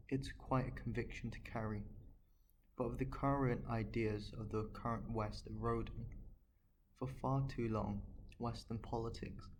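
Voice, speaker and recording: Gravelly man in an earnest monologue. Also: mid-range voice, a little mellow, slight background noise, rough recording. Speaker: political commentator. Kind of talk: unscripted solo monologue.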